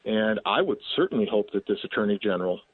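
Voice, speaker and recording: Male activist guest, phone-in, husky and lowish, tinny line, emphatic. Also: lively intonation, fast, no echo. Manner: emphatic, indignant. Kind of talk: phone interview.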